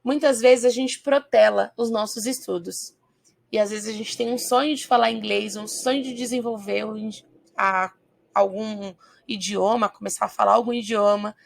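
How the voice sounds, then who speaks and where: A woman with a Brazilian Portuguese accent teaching English in a video lesson. She talks patiently, checks in often with her viewers and slows down to model each phrase. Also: mid-range voice, fairly even intonation, vocal fry.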